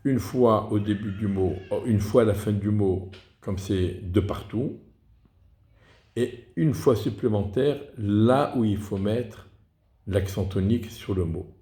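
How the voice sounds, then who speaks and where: A man explaining reading rules in a deliberate lesson, often restarting his words. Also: lowish voice, warm tone. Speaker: Torah reading teacher. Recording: echoey room.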